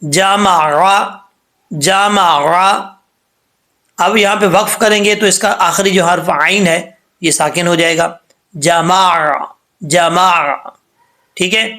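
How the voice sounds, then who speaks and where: A man teaching Quran reading in a patient lesson, spelling out syllables slowly and checking often that the learner follows. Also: sits high, steady tone, bright, forceful tone. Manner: patient, repeats each syllable slowly and asks "ٹھیک ہے؟" often. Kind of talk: recitation lesson.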